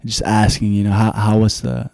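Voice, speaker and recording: A young man from Sweden with a Swedish accent, a dancer and musician, talking casually as an interview guest, halting and filling with "you know.". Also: lowish voice, gravelly, dry recording. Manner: relaxed, halting, many "you know" fillers.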